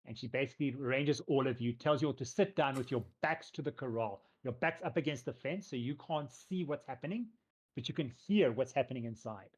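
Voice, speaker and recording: A man's voice: medium pitch, brisk, breathy edge, low-quality recording. A man improvising narration as game master of a tabletop role-playing game, in a conversational storytelling style.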